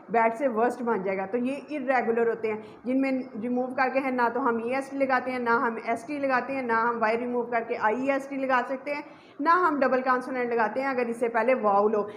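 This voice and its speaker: Woman teacher going over grammar rules, high voice, echoey room, bit of hiss behind her. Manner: repeats points and asks questions to the class. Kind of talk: explaining a grammar lesson to students. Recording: echoey room with faint background noise.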